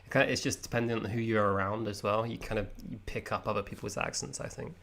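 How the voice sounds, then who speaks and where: A man's voice: lowish voice, fairly even intonation, fast talker, gravelly, a bit bright. A young man with an English accent, hosting a casual live reaction, chatty and self-mocking. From England. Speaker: vlogger host.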